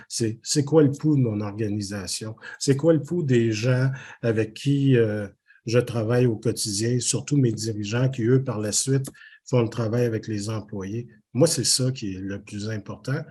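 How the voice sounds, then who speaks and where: An older man with a Québécois French accent speaks as an interview guest, his husky voice sitting at an ordinary middle pitch. He talks earnestly and reflectively, circling back on phrases and leaning on fillers as he thinks. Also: a little mellow. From Haiti. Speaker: business owner guest. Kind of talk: casual interview conversation.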